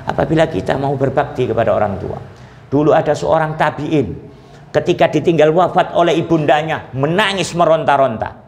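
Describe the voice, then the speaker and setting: A male preacher delivers a storytelling sermon with dramatic flair. His voice sits fairly high. The recording carries a roomy echo. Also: brisk, a little hiss or hum.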